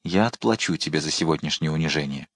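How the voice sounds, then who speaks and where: A man's voice: medium pitch, very animated, normal speed, dry recording. A man reading the lines of a proud, imperious middle-aged queen in an audiobook. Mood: furious. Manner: imperious, commanding.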